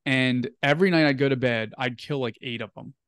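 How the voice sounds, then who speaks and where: A man's voice: mid-range voice, brisk, fairly bright tone, smooth, dry recording. Chatty young man, dry close mic. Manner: rambling, filler-heavy, "like" and "um" often. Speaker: interview guest. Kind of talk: casual storytelling interview.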